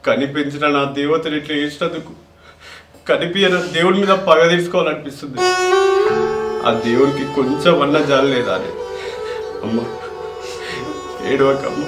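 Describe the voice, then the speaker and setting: A man with a Telangana accent playing a loving young son and husband who speaks in a soft, pleading, tender way. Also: mid-range voice, brisk, pauses often, natural voice. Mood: tender, grieving. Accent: Telangana Telugu. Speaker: actor. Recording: echoey room, mic far off, music.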